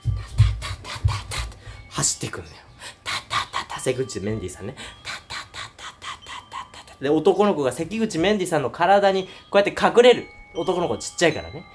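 In a casual monologue reviewing a horror movie, a fairly high-voiced man talks a little fast while recounting the plot. He brings the scenes to life with sound effects and acted-out voices.

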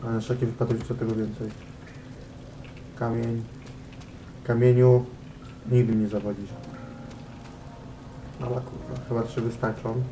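A man gives casual let's-play commentary on a horror game. He is jumpy and swears freely, and he chats to the objects he picks up. He talks at an unhurried pace over a noisy background. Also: medium pitch, level tone. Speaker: gamer.

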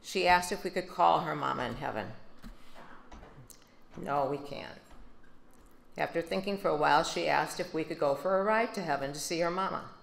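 An older woman with a Midwestern American accent, giving a steady, subdued prepared speech at a podium into a handheld mic. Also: low voice, normal speed, vocal fry, long pauses. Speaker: grieving mother giving a speech. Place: large banquet hall. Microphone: handheld microphone. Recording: echoey banquet hall.

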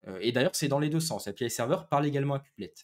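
A man with a medium-pitched voice and lively intonation races through an informal technical walkthrough on a video call. Speaking over a headset from a small indoor room, he explains each step with plenty of hesitations.

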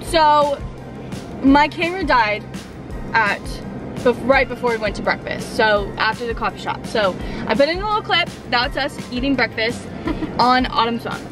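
Over music, a young adult woman with a fairly high, lively voice chats to her handheld camera at a normal speed. The upbeat, filler-heavy vlog moves from a hotel room to a parked car.

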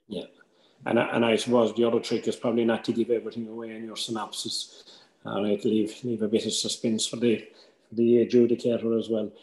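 On an echoing home video call, an older workshop tutor with an Irish accent offers casual, advisory instruction. His fairly low, dark voice stays flat in pitch and moves at a fairly quick pace, often punctuated by short check-in tags.

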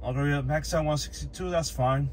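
A man's voice: a little high, normal speed. A man vlogging a road trip from inside his car, chatting and thinking aloud with small fillers. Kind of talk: casual driving commentary. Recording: car noise in background. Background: car road noise.

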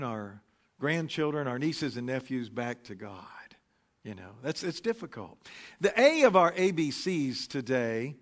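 Pastor preaching at a pulpit microphone. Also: male voice, on the high side. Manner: relaxed, anecdotal, with frequent fillers. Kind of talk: conversational sermon. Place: church sanctuary.

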